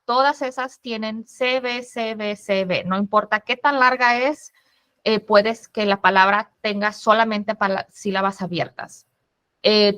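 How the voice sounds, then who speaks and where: A woman with a mid-range voice gives an online workshop to parents in the manner of a former teacher. She explains step by step and sounds out syllables slowly and clearly. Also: mid-range voice, a bit bright.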